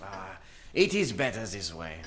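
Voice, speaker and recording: An actor playing a pompous, smug French detective with a thick French accent, in a comedy sketch. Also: male voice, low voice, sing-song, a little slow, very noisy.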